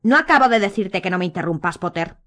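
A woman voicing a cold, stern male wizard teacher in an audiobook, speaking slowly and measuring each word. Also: medium pitch, animated, a bit bright, close to an everyday voice. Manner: slow and measured, icy.

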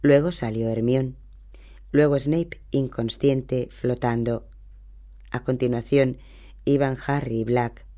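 Man, audiobook narrator, steady scripted reading, dark mellow voice. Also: medium pitch, slow pace.

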